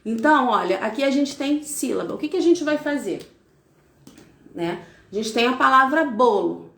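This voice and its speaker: A middle-aged woman with a Brazilian accent, a literacy teacher who patiently explains an activity step by step, sounding syllables out slowly. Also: high voice, animated, gravelly, fairly bright tone, roomy sound. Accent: Brazilian Portuguese. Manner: patient, explains step by step, frequent tag questions. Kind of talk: instructional demonstration.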